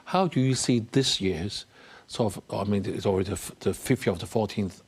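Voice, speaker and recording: A man's voice: on the low side, normal speed, darkish tone, breathy edge. A man hosting a TV news interview, reading a scripted introduction and then asking questions with some hesitant fillers. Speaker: TV interview host.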